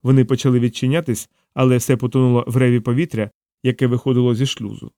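A man narrating an audiobook in a steady, measured reading. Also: mid-range voice, no echo, studio quality.

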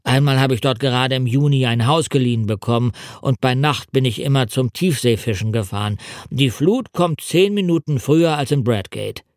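A man's voice: medium pitch, moderate pace, darkish tone, no echo, studio quality, close to an everyday voice. A man reading the lines of a deferential old coastguard who answers politely and ponders aloud.

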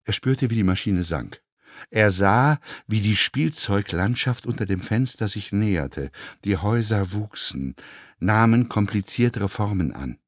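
A man narrating a story as an audiobook in a quiet, low, tense voice. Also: animated, a little slow, dry recording, clean studio sound. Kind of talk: audiobook reading.

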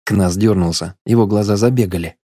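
A man with a lowish voice narrates an audiobook, telling the story in a steady, measured way. The recording is dry and of studio quality.

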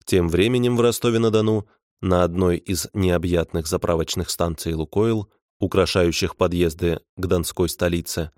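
A man reading an audiobook in a measured, ironic storytelling manner. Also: low voice, a little mellow, no room sound, clean studio sound. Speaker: audiobook narrator. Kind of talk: scripted audiobook narration.

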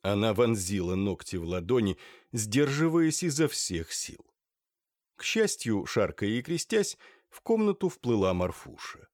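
Expressive male audiobook narrator. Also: on the low side, measured pace, dry recording, clean studio sound. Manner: expressive, lively reading. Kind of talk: scripted narration.

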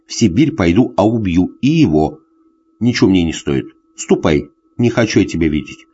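A man's voice: sits low, lively intonation, normal speed, dark tone, dull audio. A man voicing a drunk, jealous middle-aged husband who rants at his wife in a hollow, tearful voice. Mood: enraged. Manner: hoarse tearful bullying rants.

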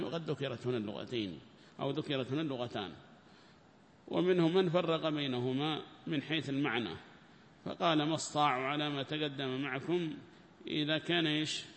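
Man teaching Quran commentary in an echoing hall. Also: a little high. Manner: explains slowly, repeats phrases, asks the class questions. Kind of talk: explanatory Quran commentary lesson.

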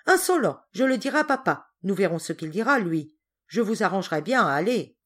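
A woman's voice: lowish voice, expressive, brisk, a bit bright. A woman voicing a spoiled, arrogant young boy who gives orders and sneers. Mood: bossy sneering. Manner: commanding, sneering.

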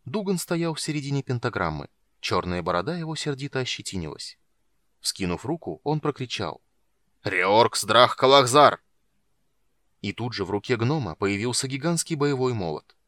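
A man narrating a fantasy audiobook with a lively, dramatic delivery. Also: mid-range voice, fairly quick, dry recording, studio quality. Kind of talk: expressive fantasy audiobook reading.

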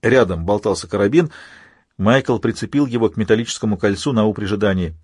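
A man narrating an audiobook in an even, measured reading. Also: fairly low pitch, husky, dry recording, studio quality. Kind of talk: scripted narration.

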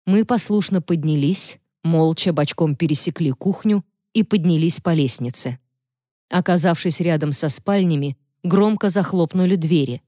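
A woman narrating a novel in a calm, even storytelling manner. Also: lowish voice, no room sound, clean studio sound. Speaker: audiobook narrator. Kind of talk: scripted narration.

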